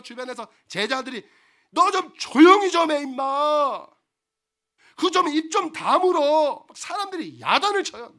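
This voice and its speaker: A man's voice: very high-pitched, bright, forceful tone. A man preaching a sermon as pastor, asking the congregation rhetorical questions and repeating phrases for emphasis.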